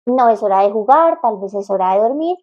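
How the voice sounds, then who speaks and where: A woman co-hosting a casual podcast conversation, explaining calmly and often chiming in with agreeing fillers. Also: mid-range voice, brisk, muffled recording. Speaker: podcast co-host.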